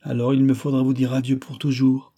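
Man reading as a young noblewoman, passionate, pleading, dark husky voice, audiobook. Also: mid-range voice, completely flat delivery, a little fast, pitched above the performer's own voice, lightly acted. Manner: impassioned, pleading.

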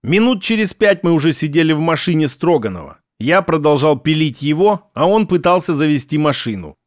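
A man reads a first-person audiobook in a steady, even storytelling manner. His voice sits somewhat high, and the recording is close and dry with no room sound. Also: brisk, dry recording. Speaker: audiobook narrator.

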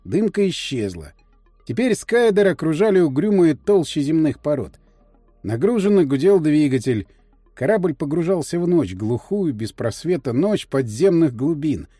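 Expressive male storybook narrator. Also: fairly high pitch, no room sound. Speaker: audiobook narrator. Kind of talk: scripted narration.

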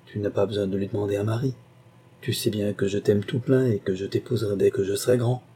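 A man voicing a shy, lovestruck boy in an audiobook, speaking in a hushed, muffled, bashful way. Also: fairly low pitch, fairly even intonation, fast, husky. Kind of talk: audiobook character voice.

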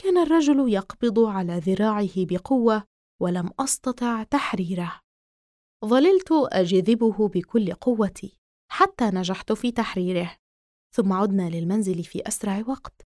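A woman narrating a horror novel in the first person as an audiobook, in a steady, measured reading. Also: medium pitch, no echo, studio quality.

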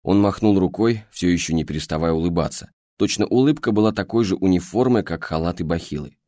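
Low-voiced man reading an audiobook. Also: fast talker, mellow, dry recording, studio quality. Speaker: audiobook narrator. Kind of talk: audiobook narration.

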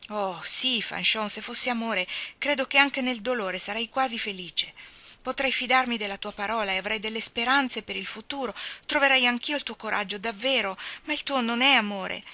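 A woman's voice: on the high side, sharp tone. A woman reading the lines of a young lovesick country lad with an urgent, pleading delivery.

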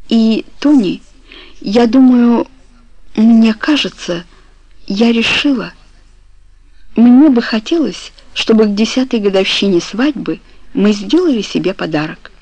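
A woman's voice: on the high side, lively intonation, a little slow, pauses often, darkish tone, dry recording, rough recording. Woman reading as a hesitant, loving young wife. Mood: anxious.

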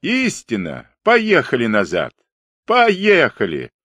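A man's voice: medium pitch, sing-song, unhurried, fairly bright tone, no room sound, pitched above the performer's own voice. A man voicing a big, pockmarked, rebellious Cossack who rants with grievance. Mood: angry shouting. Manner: ranting, aggrieved.

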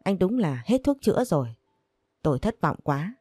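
A woman's voice: lowish voice, sing-song, moderate pace, darkish tone, slightly rough, no room sound, clean studio sound. A woman voicing a bitter, controlling older mother who scolds her son and pities herself. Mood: scolding. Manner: scolding, self-pitying.

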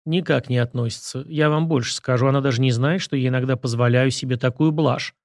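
A man voicing a dry, ironic government curator in an audiobook, somewhat higher and more lively than his narration. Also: a little fast, no echo, lightly acted. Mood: wry. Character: wry reserved male official curator. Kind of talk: audiobook character voice.

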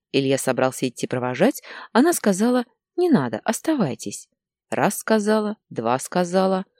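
Low, husky woman narrating a story. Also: no echo, studio quality. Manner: expressive storytelling. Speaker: audiobook narrator. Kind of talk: scripted narration.

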